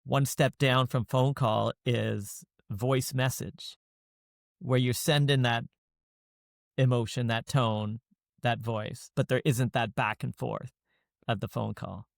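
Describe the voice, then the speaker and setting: A man hosting a podcast, speaking in a measured way and laying out his ideas step by step. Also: medium pitch, fairly even intonation, creaky, dry recording, clean studio sound. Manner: measured, explains in orderly steps. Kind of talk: casual conversation.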